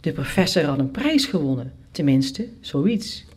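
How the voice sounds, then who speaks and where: A storyteller telling a first-person tale with lively expression and steady momentum. The voice sits at a middle pitch and moves easily through the narration. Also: unhurried, slightly rough. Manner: lively, expressive, acts out characters.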